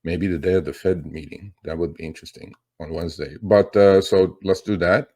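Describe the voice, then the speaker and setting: A man's voice: low voice, steady tone, fairly quick, dark tone, slightly rough. A middle-aged man hosting a finance show, talking casually and rambling, with many fillers and restarts. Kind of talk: casual market commentary.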